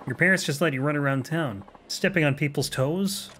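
A man's voice: a little high, a little fast, a bit bright, a little hiss or hum, close to an everyday voice. A man voicing a crude, bullying middle-aged samurai who hurls sneering threats.

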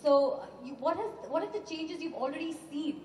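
A bubbly woman with a high voice hosts a launch event on stage, speaking into a handheld mic. She sounds set back from the mic, and the big hall gives her long reverb over a faint noise. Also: expressive, normal speed, darkish tone, recorded from a distance. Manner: bubbly, upbeat, leads applause. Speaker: event host. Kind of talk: hosting a live launch event.

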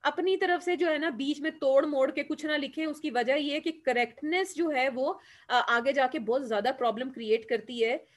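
A woman with a high voice and a Pakistani Urdu accent gives a classroom lecture at normal speed. She explains things step by step, asks the class questions and answers them herself, and mixes English terms into her Urdu.

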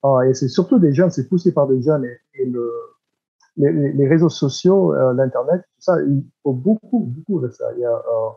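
Dark husky Louisiana French man. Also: medium pitch, moderate pace, muffled recording. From Louisiana, USA. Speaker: panelist. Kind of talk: panel discussion.

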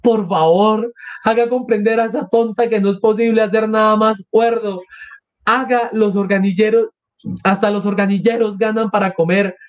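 A man voicing a frantic, consumptive noble mother, shrill and breathless. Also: fairly even intonation, normal speed, lo-fi sound, close to an everyday voice. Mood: pleading.

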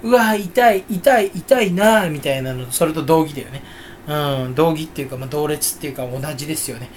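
A man's voice: mid-range voice, fairly even intonation, fast talker, darkish tone, slight background noise. A man talking to himself in a casual, rambling solo monologue, joking and mocking himself. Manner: self-mocking, jokey, rambling. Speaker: channel host.

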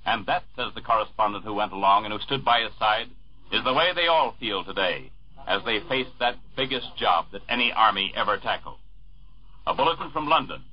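A man reads the news in a formal, measured tone, his voice husky and slightly breathy. It comes through a dull, muffled 1940s radio broadcast recording, with the top end rolled off. He is a studio newscaster delivering bulletins. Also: lowish voice, lively intonation. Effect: old 1940s radio broadcast recording.

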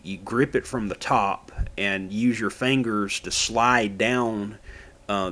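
A man from Florida talks through his fishing trip as a voice-over, folksy and plain-spoken. His voice sits a little low, and he explains step by step with the odd "uh" and "you know." It sounds like a casual outdoor channel narration. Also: a bit bright. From Florida, USA.

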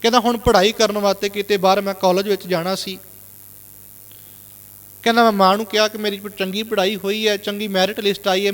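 A man's voice: high voice, fairly bright tone, long reverb tail. A male Sikh preacher from Punjab telling a moral story in a sermon, constantly retelling what others said. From Punjab, India. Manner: retells reported speech with constant "he said" tags.

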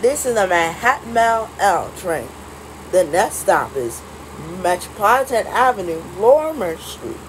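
A woman making recorded subway train announcements, stop by stop in a flat, measured announcer delivery. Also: medium pitch, background noise.

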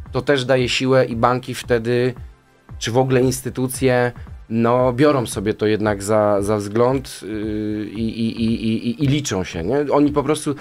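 A man as a guest in a radio studio, explaining finances at length in a rambling way, often ending with a question tag. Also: medium pitch. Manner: rambling, tags statements with "nie?". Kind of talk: radio interview answers. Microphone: studio boom mic.

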